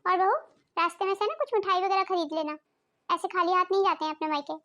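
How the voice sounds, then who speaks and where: Cartoon: woman playing a patient, wise mother-in-law, very high voice. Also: fast talker, fairly bright tone. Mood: kindly. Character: fair-minded older mother-in-law, gentle and wise.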